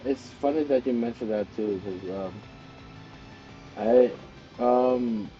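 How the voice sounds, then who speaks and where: A man's voice: mid-range voice, slow, highs cut off, soft background music. A man streamer chatting casually and telling rambling stories. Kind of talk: casual chat.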